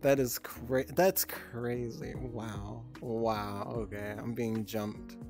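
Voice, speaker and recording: A woman's voice: extremely low pitch, steady tone, slow, over music. A woman in her twenties chatting casually with her stream chat, laid-back and giggly, swearing freely. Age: 20s.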